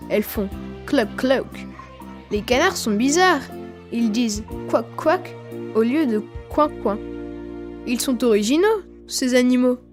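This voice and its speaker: Woman, storybook reading for learners, fairly high voice, expressive, boy's first-person telling. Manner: expressive, as a twelve-year-old boy telling his story. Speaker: reader.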